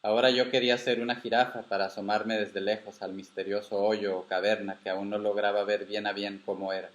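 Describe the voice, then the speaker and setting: A man, the author reading his own story aloud in calm, steady first-person narration. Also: fairly low pitch, brisk, roomy sound.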